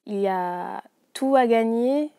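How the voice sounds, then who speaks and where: A woman's voice: on the high side, takes it slowly, vocal fry, heavy background noise. A woman in her twenties from French Guiana, a dancer and choreographer, talking about her work in an interview with frequent hesitations and restarts. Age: 20s. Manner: hesitant, many fillers and restarts. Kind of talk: interview monologue.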